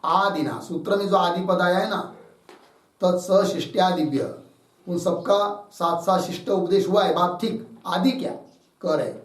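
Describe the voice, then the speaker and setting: A man teaching a scriptural commentary lecture, explaining slowly and asking many rhetorical questions. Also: high voice, far from the mic. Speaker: Vedanta teacher. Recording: echoey room, mic from afar.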